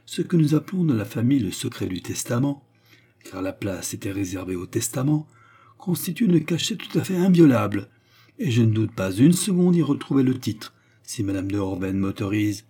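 A man voicing a composed, politely ironic French gentleman in a storybook reading, with a mellow, husky voice. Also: mid-range voice, very animated, normal speed. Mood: calm courtesy. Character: calm, courteous French gentleman.

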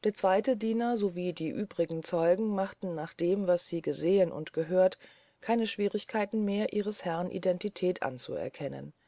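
An audiobook reader narrating a courtroom story in an even, steady way. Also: medium pitch, moderate pace, no echo. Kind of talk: scripted narration.

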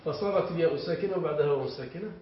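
Give me a man with a slightly high voice teaching a grammar class, explaining and checking whether the students follow, in a very echoey room. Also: rapid-fire. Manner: explanatory, checks understanding with repeated questions. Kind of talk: classroom lesson on verb morphology. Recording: echoey, dull lo-fi classroom recording with faint hiss.

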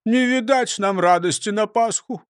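A man's voice: high voice, normal speed, clean tone, no room sound, studio quality, pitched above the performer's own voice, natural voice. A man reading a storybook and voicing a greedy, cowardly male robber who whines and frets. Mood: glum. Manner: whiny and fearful.

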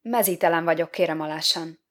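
A bashful, stammering young Adam, as a woman reads him in a storybook tale. His voice sits a little low and sounds flustered and sheepish, fumbling for words when he is caught out. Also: close to an everyday voice.

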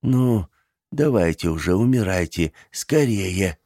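A man voicing a cruel, frightened man who speaks in a numb, hushed way. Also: deep voice, expressive, takes it slowly, dry recording, clean studio sound, exaggerated voice. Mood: tense. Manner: whispering, numb and cold. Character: Mr Benedict, cruel man, panicky and cold.

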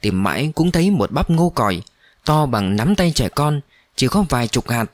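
A man narrating an audiobook story in an expressive, dramatic reading. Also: mid-range voice, normal speed, no echo.

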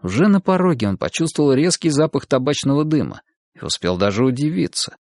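A man narrating an audiobook in an even, measured way. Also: medium pitch, dry recording, clean studio sound. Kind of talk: scripted narration.

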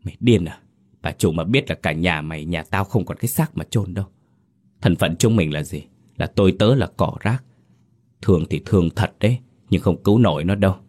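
Story voice: man playing hoarse, resigned older servant, low and grim. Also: a little fast, darkish tone. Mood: grim warning.

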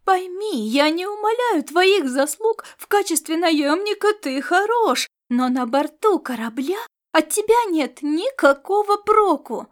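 A woman reading an audiobook and voicing a female alien star cat crewmate who scolds and shouts. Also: very high voice, expressive, slow pace, pitched above the performer's own voice, full character voice. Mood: scolding. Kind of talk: audiobook character voice.

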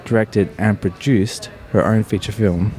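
A man's voice: on the low side, fairly even intonation, unhurried, darkish tone. A man hosting a podcast interview, chatting casually and rambling with lots of fillers. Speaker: podcast host.

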